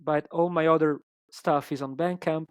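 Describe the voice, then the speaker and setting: An Italian man from Italy, a musician appearing as an interview guest, chats casually and hesitantly, with lots of ums and restarts. His voice sits on the high side with fairly even intonation and a moderate pace, and the recording is dry.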